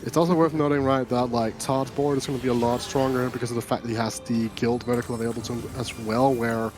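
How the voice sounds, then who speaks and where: A man's voice: medium pitch, level tone, fast talker. A man giving analytical color commentary on an esports match, often saying "like" and "right?" as he thinks aloud. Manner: talks it through with many "like" and "right?" tags. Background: faint background music.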